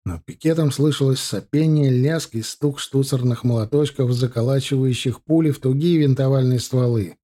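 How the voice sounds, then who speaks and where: A man narrating an audiobook in a measured, even way. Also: medium pitch.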